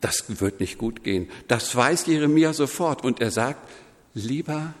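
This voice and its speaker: A man preaching a sermon in a measured, deliberate way, quoting scripture voices as he goes. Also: mid-range voice, lively intonation, in a large hall. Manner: slow, measured preaching with quoted voices woven in.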